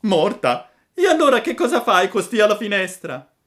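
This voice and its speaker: A man voicing a desperate wooden puppet boy in a storybook reading, shrill and crying out in panic. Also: normal speed, fairly bright tone. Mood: pleading.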